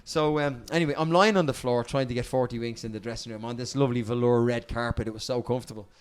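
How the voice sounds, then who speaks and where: A Dublin Irish man, a podcast guest, telling animated stories in casual chat, repeating words and swearing freely. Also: mid-range voice, fast, clean tone. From Dublin, Ireland.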